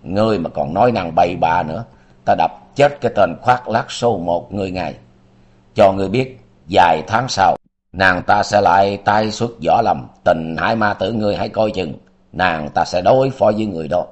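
A menacing martial-arts master speaks in a sharp, icy tone, as a man reading the story voices him. His voice is deep and the delivery cold. It is an audiobook of a martial-arts tale. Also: normal speed.

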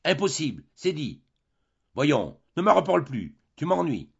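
A man's voice: medium pitch, very animated, moderate pace, husky, lo-fi sound, voice pushed up. Brusque impatient prison director, read by a man. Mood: curt impatient. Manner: brusque, dismissive. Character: curt impatient male prison director, middle-aged.

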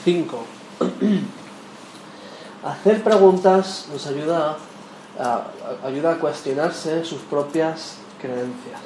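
A fairly high-voiced man gives a sermon in a roomy, echoing hall with a faint hum of ambience behind him. He preaches in a lively way, throwing questions at the people listening and pressing them to answer. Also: takes it slowly, long pauses. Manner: lively, talks with the audience, asks questions. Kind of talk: sermon teaching. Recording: echoey room with faint ambience.

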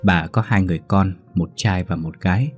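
Một người đàn ông giọng miền Nam, giọng khàn, kể chuyện audio theo kịch bản với nhịp đều đặn. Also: male voice, low voice, soft background music. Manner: steady, measured storytelling. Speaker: storyteller. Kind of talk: scripted audio story narration.

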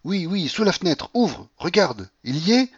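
A man voicing a proud, feverish young woman in an audiobook, his voice raised and excited for her outbursts. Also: high-pitched, normal speed, breathy edge, no room sound, lo-fi sound, pitched above the performer's own voice, exaggerated voice. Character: proud feverish young woman, torn between scorn and love.

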